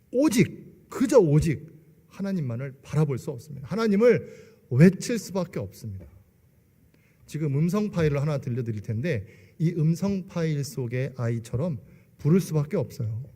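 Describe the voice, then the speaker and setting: A man's voice: on the high side, mellow. A man in his forties giving a church testimony, often asking the congregation questions. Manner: asks the congregation rhetorical questions. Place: church sanctuary. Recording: long echo of a large hall.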